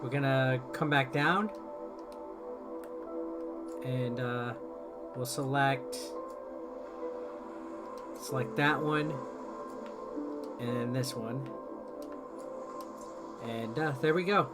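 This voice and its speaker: At a very slow pace with frequent pauses, a man of medium pitch hosts a gameplay video. His commentary is casual and meandering, explaining things one step at a time over game music.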